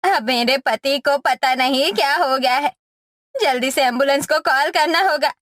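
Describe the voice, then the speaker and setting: A shrill scolding mother-in-law. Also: normal speed, a bit bright, no echo, clean studio sound. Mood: scornful. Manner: shrill, mocking insults. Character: scolding middle-aged mother-in-law, sharp-tongued. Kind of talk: cartoon story voice acting.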